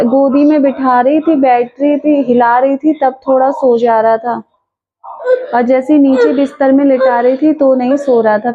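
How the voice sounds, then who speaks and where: Woman, higher voice, casual home vlog, weary, dull lo-fi sound. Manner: weary, soothing a sick child. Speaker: mother vlogging at home. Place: home kitchen.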